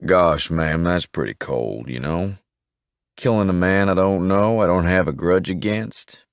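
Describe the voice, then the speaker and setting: A man voicing a slow, heavy-set rural nephew who talks in a drawling, deferential way. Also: low voice, gravelly, dry recording, clean studio sound. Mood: meek.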